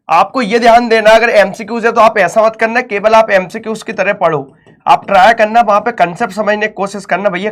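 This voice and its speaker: A young man teaching maths to students in a chatty, repetitive exam-prep lecture, coaxing them along. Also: high-pitched. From India.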